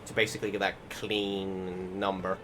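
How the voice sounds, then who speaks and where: Over game music, a man delivers casual, meandering play-by-play of a video game, hesitating often and swearing now and then. His voice is low and flat at a normal speed, and the recording is very noisy.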